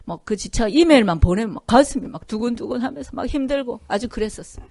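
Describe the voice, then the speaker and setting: A woman's voice: a little high, expressive, quick pace, a little mellow, no room sound, clean studio sound. A woman pastor giving a conversational Korean sermon, often checking in with the congregation and acting out the voices in her story. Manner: conversational preaching with frequent "그죠?" and "예?" asides. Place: church sanctuary.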